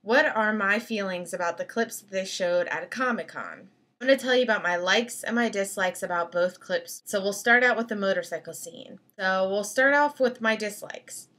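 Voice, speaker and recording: A young adult woman chatting casually as a video blogger, giving opinions in a slangy, emphatic, animated way with exasperated emphasis. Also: mid-range voice, moderate pace. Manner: animated, acts out mock quotes. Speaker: video blogger reviewing film clips. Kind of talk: casual opinionated vlog chat.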